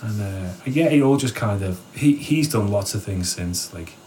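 A man telling a story in casual conversation, animated and laughing often, acting out what people said. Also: on the low side, normal speed, slight background noise. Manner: animated, laughs often, acts out quotes with a raised voice. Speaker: guest.

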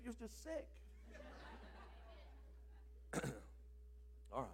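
A man preaching a sermon with a very high, bright-sounding voice. His pitch moves all over the place, rising for loud declarations and dropping to quiet asides.

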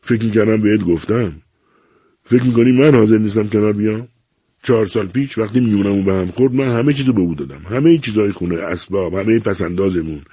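A man's voice: on the low side, dark tone, husky, no echo, studio quality, voice pushed up. A man reading a novel aloud, voicing a middle-aged son who pleads emotionally and self-pityingly with his father. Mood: pleading.

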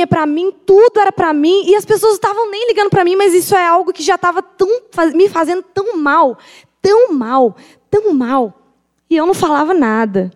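Young woman, high voice, emphatic testimony, long hall echo. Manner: emphatic, confessional, repeats phrases for weight. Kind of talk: personal faith testimony.

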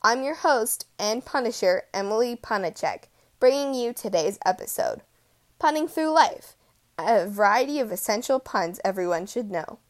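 A woman's voice: a little high, animated, moderate pace. A woman hosting a podcast, reading out puns in a playful, punchy way. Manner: playful, punchy delivery of jokes. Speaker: podcast host.

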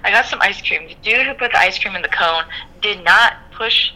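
Young woman on speakerphone, really bright sharp voice, chatty and excitable. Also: mid-range voice, a little fast, low-quality recording. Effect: heard through a phone on speaker. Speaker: phone-in caller.

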